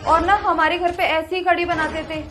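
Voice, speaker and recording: A woman in her twenties playing a new daughter-in-law who speaks softly and meekly, apologizing to her mother-in-law in a family drama. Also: extremely high pitch, flat delivery, normal speed, music in the background. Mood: apologetic. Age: 20s. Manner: soft, meek, apologetic.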